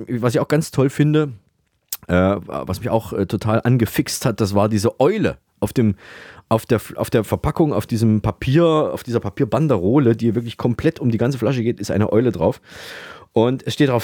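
A man hosting a comedy podcast, rambling and hesitant with many fillers, in a deadpan tone. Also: mid-range voice, breathy edge, no room sound, clean studio sound. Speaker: podcast host.

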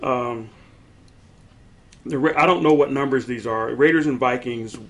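A man's voice: medium pitch, a little slow, fairly bright tone. Jokey man laughing through sports talk. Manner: joking, laughs often, rambling. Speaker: podcast co-host. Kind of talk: casual sports chat.

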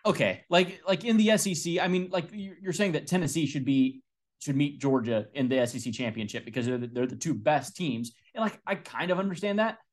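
A man's voice: a little high, brisk. A young man co-hosting a college football podcast, talking casually with lots of fillers and restarts. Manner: animated, many fillers and restarts. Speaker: podcast co-host. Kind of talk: casual sports talk.

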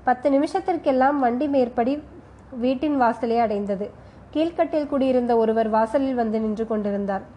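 A woman reads a serialized novel aloud. Her storytelling is steady and even. Her voice sits a little high, and a faint hiss runs behind it. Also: moderate pace, low-quality recording. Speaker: story narrator.

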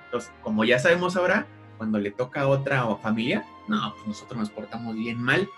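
A young man with a Mexican Spanish accent telling a family story in casual chat, animated, jumping up in pitch to quote his relatives. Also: a little fast, soft background music. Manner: animated, jumps high when quoting relatives.

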